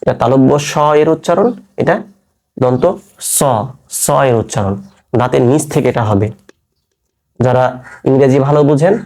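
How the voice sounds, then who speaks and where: A man's voice: medium pitch, vocal fry, a little mellow. A man teaching a class on Quranic letter pronunciation, patiently repeating each sound and checking that his students follow.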